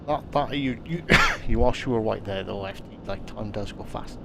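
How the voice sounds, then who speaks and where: Swearing male game streamer, lowish voice. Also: normal speed, gravelly, heavy background noise. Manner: swears often, repeats words, chuckles. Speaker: streamer playing a naval combat game. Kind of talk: casual gameplay commentary.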